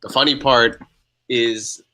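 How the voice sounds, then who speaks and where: A man's voice: medium pitch, steady tone, slow, sharp tone. A man co-hosting a podcast, talking casually and emphatically. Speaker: podcast co-host. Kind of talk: casual chat.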